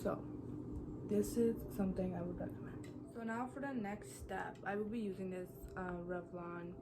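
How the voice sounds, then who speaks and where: An Iranian beauty vlogger in her twenties chats bluntly while doing her makeup in a casual get-ready-with-me video, offering a motivational pep talk. Her medium-pitched voice has fairly even intonation and a moderate pace, and the audio is very noisy.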